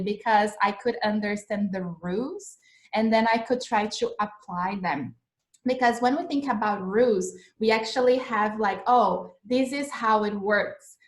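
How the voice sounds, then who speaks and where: Her voice sits a little high as she streams an English lesson live from a small indoor room, webcam facing her against a plain wall. A native Portuguese speaker, she's chatty and animated, gesturing plenty while she explains, and the room sounds echoey.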